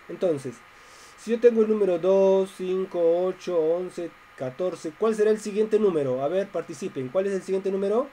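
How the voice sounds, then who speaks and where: A man's voice: fairly high pitch, mellow, a little hiss or hum, rough recording. A man teaching a math class online, explaining step by step and asking his students questions.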